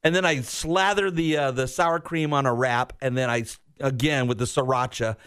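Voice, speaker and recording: An American man co-hosting a radio morning show in casual, chatty, animated, self-deprecating talk. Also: mid-range voice, moderate pace, smooth.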